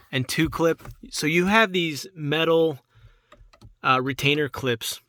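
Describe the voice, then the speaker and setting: A young man hosting a casual how-to video, explaining step by step from inside a car while working with his hands. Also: mid-range voice. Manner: relaxed, chatty, talks while working with hands.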